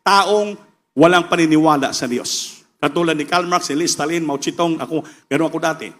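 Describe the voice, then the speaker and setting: A man with a Filipino accent preaching a sermon with passion, swinging between loud preaching and quieter asides. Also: a little high, moderate pace.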